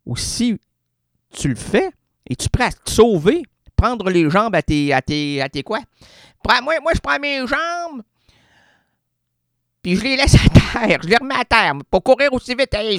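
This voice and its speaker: Québécois man with a wildly animated voice. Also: high voice, no echo, clean studio sound. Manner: theatrical, rambling, playful wordplay. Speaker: radio columnist. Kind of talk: absurdist comedic radio monologue.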